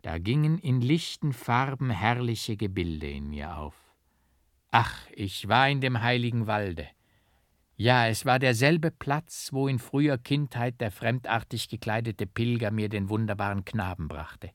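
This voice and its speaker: Slow, measured male audiobook reader. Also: medium pitch, dry recording, studio quality. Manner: measured, emphatic and rhythmic. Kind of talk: scripted literary narration.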